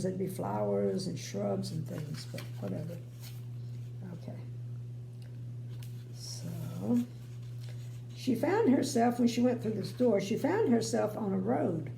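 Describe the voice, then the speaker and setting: A woman's voice: mid-range voice, expressive, unhurried, creaky, pauses often. An older woman, a grandmother, reading a children's story aloud with folksy, chatty asides. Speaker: grandmother reading bedtime stories. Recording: roomy home recording, faint hum.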